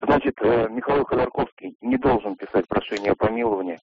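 A man's voice: on the low side, huge pitch swings, vocal fry, background noise. A man calling a radio phone-in from a payphone, keeping it brief and direct. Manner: brief and direct, rushing to make his point. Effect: voice over a payphone line. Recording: muffled dry payphone line.

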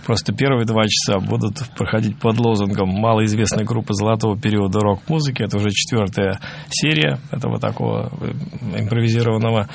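A man's voice: fairly low pitch, fairly quick, gravelly, a little hiss or hum. A man hosting a live radio music show in a casual, somewhat hesitant and rambling way.

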